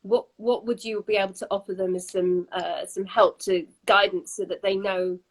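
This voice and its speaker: A woman's voice: medium pitch, fairly even intonation, moderate pace, low-quality recording. A woman interviewer who asks long, rambling, hesitant questions.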